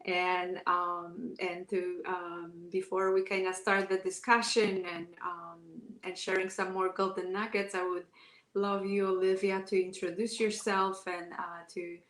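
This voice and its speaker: A woman's voice: on the low side, little pitch movement, a bit bright. A woman hosting a live-streamed interview show, speaking hesitantly with many fillers over a video call. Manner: halting, many fillers and restarts. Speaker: show host. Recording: echoey room.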